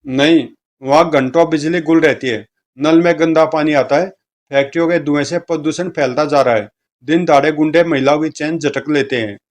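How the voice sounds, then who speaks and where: With a fairly high-pitched voice at a normal speed, a man narrates comic strips aloud, speaking the lines of every character as the comic book reader.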